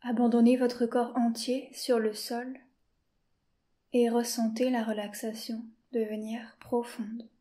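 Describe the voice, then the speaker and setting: Calm and soft-spoken, a woman guides a yoga nidra meditation with long pauses between phrases. She speaks slowly in a mellow, dark voice of even, flat pitch, often sinking into a quiet whisper.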